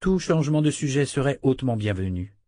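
A man voicing a naive, easily startled young man, raised and excitable, in an audiobook. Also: mid-range voice, fairly quick, no echo, studio quality, lightly acted. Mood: earnest.

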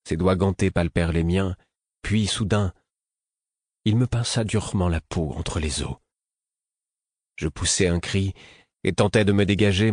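A man giving measured first-person narration for an audiobook. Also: deep voice, a little mellow, slightly rough, dry recording, clean studio sound.

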